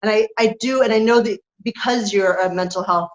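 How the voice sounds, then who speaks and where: A lactation consultant, a woman, talks openly and with energy in a conversational interview, laughter running through what she says. She speaks fairly quickly at a medium pitch, and the recording sounds dull and lo-fi.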